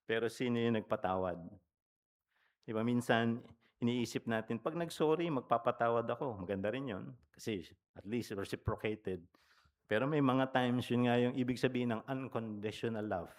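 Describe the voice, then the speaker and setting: A male pastor preaching a sermon in a conversational, storytelling way, asking the congregation questions and switching between Tagalog and English mid-sentence. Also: fairly low pitch.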